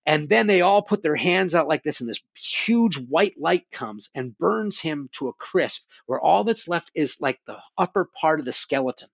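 A man's voice: fairly high pitch, lively intonation, moderate pace, creaky, hardly any pauses, dry recording, highs cut off. A man hosting a show, casually and animatedly retelling horror stories, swearing now and then. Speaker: podcast host. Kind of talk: casual conversation about horror films.

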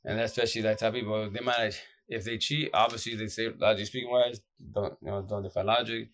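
A man speaks in a low, groggy voice that sounds drained from lack of sleep. He gives advice casually and off the cuff, like a streamer talking to followers. His delivery is blunt and slangy, circling back over the same short phrases. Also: little pitch movement, fast talker, a bit bright. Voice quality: deep, groggy voice. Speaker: social media advice streamer.

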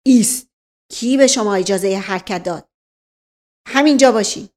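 A woman's voice: medium pitch, a little mellow, lightly acted. A woman voicing a blustering male police inspector who barks short commands. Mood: bullying.

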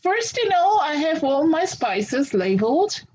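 A woman's voice: sits high, very animated, a little slow, darkish tone, rough recording. A woman from Fiji answering interview questions in a practical, upbeat way. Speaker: interview guest.

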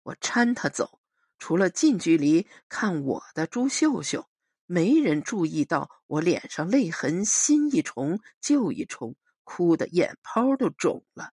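A woman reads a novel aloud in a measured, expressive storytelling manner. Her low, husky voice rises and falls with lively shifts of pitch, recorded dry and close. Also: no echo. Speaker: narrator. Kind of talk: audiobook novel narration.

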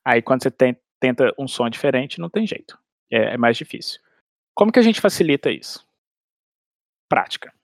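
A man's voice: mid-range voice, very animated, a little fast, gravelly, long pauses, no room sound, clean studio sound. A man, explaining language learning in casual chat with everyday analogies and frequent restarts. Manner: explains with everyday analogies and acted-out inner dialogue. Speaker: language expert guest.

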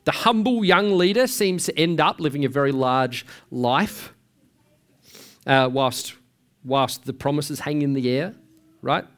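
A man's voice: a little high, unhurried. A man preaching a sermon in a conversational way, asking rhetorical questions and often restarting his sentences. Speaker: pastor.

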